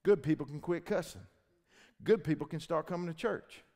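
A man preaching a sermon, swinging between loud shouting and low, intense talk. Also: normal speed. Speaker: pastor. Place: church hall. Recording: long church reverb.

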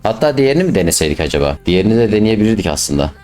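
Excitable young man commentating a game. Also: fairly low pitch, rapid-fire, soft background music. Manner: excitable, swears and snaps at teammates. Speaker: gaming YouTuber. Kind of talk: casual gameplay commentary.

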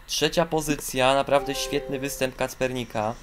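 A man giving sports commentary on a ski jumping video game, jumping into high excited shouts on big jumps and slipping into fillers and restarts. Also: normal speed, soft background music.

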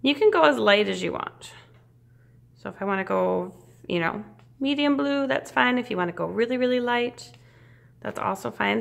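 A woman art teacher giving a casual step-by-step demonstration in an encouraging, reassuring, informal way, with a creaky voice. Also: fairly high pitch, fairly bright tone.

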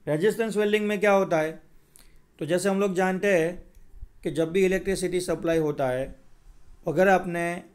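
A man's voice: high-pitched, fairly even intonation, moderate pace, long pauses. A man with a Gujarati accent lecturing over slides, explaining steadily and often checking whether students follow. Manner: explains in Hindi mixed with English terms, checks "clear?". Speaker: teacher. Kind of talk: screen-recorded lecture.

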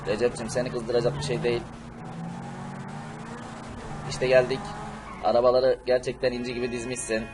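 A man's voice: mid-range voice, monotone, normal speed, pauses often, over music, lightly acted. A man playing a cheeky, stubborn superhero with a short temper in an amateur cartoon dub. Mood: friendly. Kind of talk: amateur cartoon-style game video dub.

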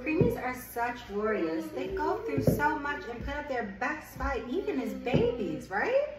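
Sing-song and high, a little slow, this woman hosts a picture-book reading and chat for young children, cheering them on and often repeating words. The recording is distant, in a room that's both echoey and noisy.

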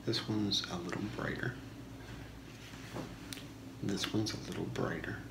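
A man in his thirties doing a whispered role-play as a shopping channel host, soft-spoken, with a slow, deliberate product pitch in a small room. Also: steady tone. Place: small home room, indoors. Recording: echoey room with clear background noise.

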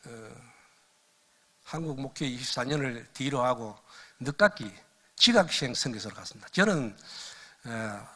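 An older man, a missionary, giving a lecture full of personal stories that he tells with animation and laughs at along the way. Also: mid-range voice. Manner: animated storyteller who laughs at his own stories.

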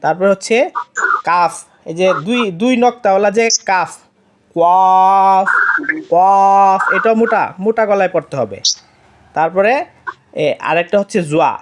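A woman's voice: on the low side, lively intonation, fairly quick, slight background noise. A woman teaching an online Quran lesson, patiently repeating each letter sound to demonstrate it.

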